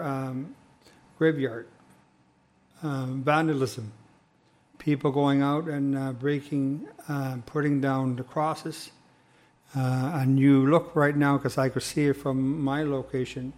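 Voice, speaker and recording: A man giving unscripted remarks as a councillor at a council meeting, halting and hesitant as he speaks. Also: mid-range voice. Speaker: city councillor.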